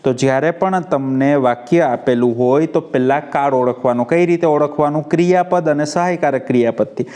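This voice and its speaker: A man's voice: on the high side, a little fast, darkish tone. A man with a Gujarati accent teaching English grammar in a video lesson, drilling students with repeated questions and answers. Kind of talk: classroom-style video lesson.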